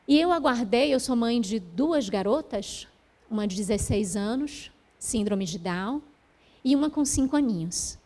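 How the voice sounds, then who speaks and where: A middle-aged woman giving a spiritual talk, telling a personal story gently and from the heart, with pauses. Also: on the high side, animated. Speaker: spiritual speaker.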